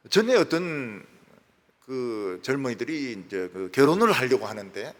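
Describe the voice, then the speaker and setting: Gravelly, husky pastor with a lively pitch. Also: male voice. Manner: folksy storytelling with wide swings in pitch and volume. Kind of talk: sermon. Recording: echoey church hall.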